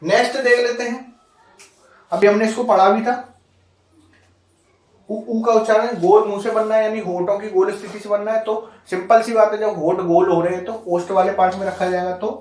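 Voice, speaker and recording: A man's voice: high voice, fairly even intonation, normal speed, long pauses, darkish tone, recorded from a distance. A man teaching a grammar lesson, asking rhetorical questions and checking in with the class again and again. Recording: roomy echo.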